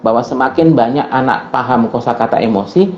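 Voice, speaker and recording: A man's voice: mid-range voice, a little fast, darkish tone. Man, middle-aged father, casual guest talk, hesitant, lots of fillers, roomy echo, muffled sound. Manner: hesitant, many fillers and restarts. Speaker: guest, father talking about parenting. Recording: echoey, muffled with faint noise.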